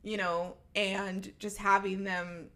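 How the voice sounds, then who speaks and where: A woman's voice: mid-range voice, little pitch movement, slow pace, bright, forceful tone. A young woman co-hosting a podcast, chatting casually with lots of fillers and frequent laughter. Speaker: podcast co-host. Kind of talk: casual chat.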